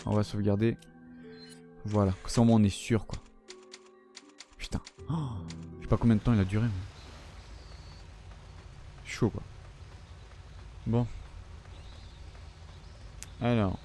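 A man's voice: lowish voice, flat delivery, a little slow, long pauses, mellow, faint music behind. French man muttering over a game. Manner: talks to the game enemy, swears a lot, mutters to himself. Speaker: gaming video host. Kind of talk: let's play commentary.

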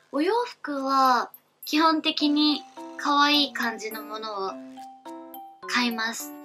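A young woman in her late teens with a Kansai accent, a newcomer voice actress chatting in a relaxed, giggly, rambling way for her first vlog. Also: fairly high pitch. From Kansai, Japan. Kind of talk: casual self-introduction vlog.

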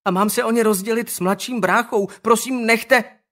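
A man's voice: high voice, fairly even intonation, a bit bright, voice pushed up. A man voicing a small, frightened schoolboy pleading in an audiobook. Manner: pleading, whiny.

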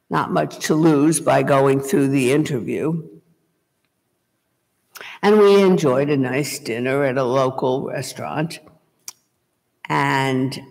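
An older woman preaching a sermon from a church pulpit, telling a story at a deliberate pace. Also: low-pitched. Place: small church, indoors, at a pulpit. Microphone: gooseneck pulpit mic. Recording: long church reverb. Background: reverberant church hall.

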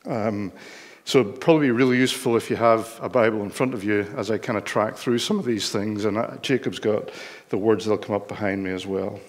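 An older man from Northern Ireland, his accent clear and his pitch fairly low, preaches a sermon with a Bible reading from a lectern on a church hall stage. He explains in a measured way, and the hall's long reverb carries his words.

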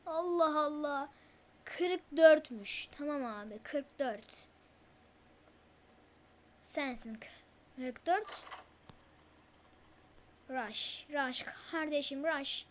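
A jittery young gamer narrates a horror game in a high, unhurried voice. The speech stammers often, and the speaker keeps talking to calm down, with quick muttered prayers. A faint hiss of noise sits under the voice. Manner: nervous, stammering, talks self calm; mutters prayers when scared. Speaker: gameplay streamer.

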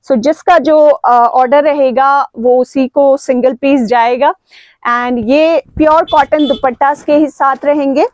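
High-voiced woman selling suits. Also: dry recording. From Uttarakhand, India. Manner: chatty, mixing Hindi and English, frequent fillers. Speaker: clothing seller. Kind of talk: product showcase.

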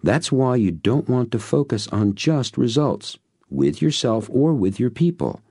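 A man's voice: medium pitch, very animated, a little slow, gravelly, dark tone, slightly rough, no echo, clean studio sound, voice pushed up, full character voice. A man voicing an earnest, emphatic male mentor in network marketing.

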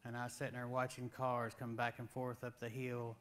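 A guest preacher delivers a sermon in a church sanctuary, recorded on a lapel mic, in a folksy, conversational style full of rising, emphatic questions. His medium-pitched voice is brisk, fairly bright and monotone.

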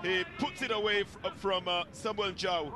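A Kenyan man commentates live on a football match in a notably high voice. His phrasing is measured and descriptive, with pauses as he works through each passage of play. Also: fairly even intonation, over music.

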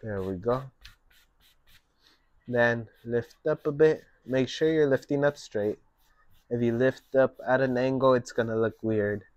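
Young man, painting instructor, slow unhurried speech, dry close sound, calm step-by-step talk. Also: medium pitch, dry recording, dull audio. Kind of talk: painting tutorial.

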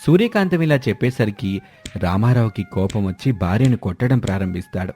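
A man narrating a scripted moral story in a steady, expressive way, with faint music behind. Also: lowish voice, a little fast, slightly rough.

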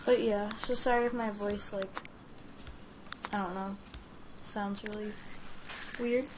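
A woman's voice: mid-range voice, steady tone, slow. A woman with a sore throat giving casual let's play commentary, rambling hesitantly as if talking to herself. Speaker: gaming host. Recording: clearly noisy home recording.

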